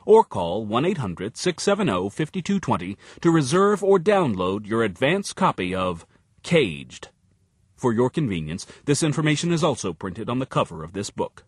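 A man's voice: mid-range voice, husky, dry recording, clean studio sound. A man reading a scripted promotional announcement as an ad announcer. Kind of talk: scripted ad read with ordering details.

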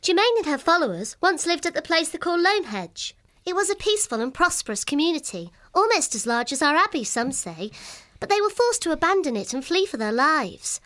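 Kind bookish young hare maiden, well-spoken, high and lively, played by a woman. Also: a little fast. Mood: gentle. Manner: gentle, well-spoken storytelling.

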